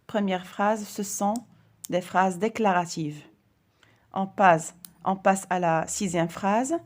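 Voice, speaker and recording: Slow, deliberate woman teaching grammar. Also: medium pitch. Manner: slow, deliberate, stressing example sentences. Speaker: primary school teacher. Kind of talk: grammar lesson.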